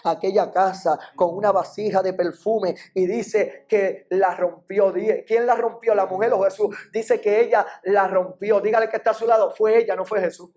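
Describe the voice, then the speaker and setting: A man's voice: sits high, steady tone, normal speed, few pauses, a little mellow. A man preaching a sermon and calling on the congregation to repeat phrases after him. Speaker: pastor and preacher.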